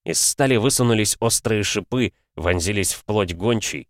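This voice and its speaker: Low-voiced male audiobook narrator. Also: normal speed, no echo, studio quality. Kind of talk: scripted fantasy narration.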